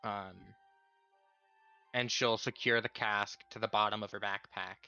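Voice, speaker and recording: Crisp, lowish-voiced man playing a tabletop game. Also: fairly even intonation, measured pace, pushed and bright, no echo, highs cut off, soft background music. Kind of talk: casual game narration in third person.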